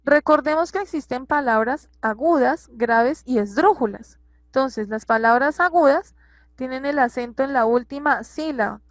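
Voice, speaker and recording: Patient high-voiced woman teaching grammar. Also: normal speed, no echo. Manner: patient, repeats and checks understanding. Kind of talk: classroom grammar lesson.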